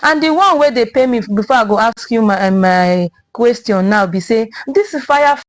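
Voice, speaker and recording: A woman's voice: fairly high pitch, moderate pace, no echo. A woman with a Nigerian accent anchoring a conversational headline review in Nigerian Pidgin, dotting her phrases with "o" tags.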